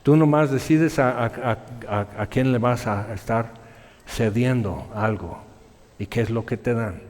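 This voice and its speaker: A man preaching a sermon, telling stories in an animated way and voicing other people in his quotes. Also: medium pitch, measured pace. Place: church hall. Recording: long hall reverb.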